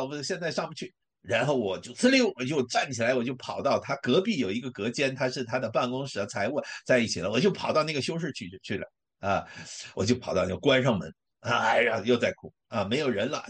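Husky guy telling his faith story, voice swings up and down a lot, lots of fillers. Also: mid-range voice. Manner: emotional, animated storytelling with many fillers. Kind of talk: personal testimony talk.

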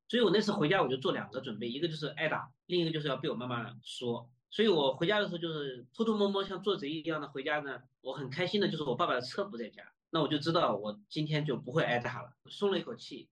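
A man's voice: on the high side, fairly bright tone. A young adult man earnestly telling a personal faith testimony as an interviewee, reflecting on his past and recounting scenes with quoted dialogue.

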